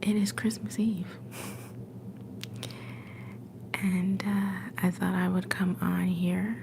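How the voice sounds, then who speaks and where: Slow, gravelly whispering woman. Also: lowish voice, little pitch movement, noisy background. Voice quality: soft whisper drifting into soft-spoken voice. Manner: slow, gentle, reads and greets chat viewers. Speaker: ASMR livestream host. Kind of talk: whispered ASMR livestream chat. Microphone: phone set some distance away.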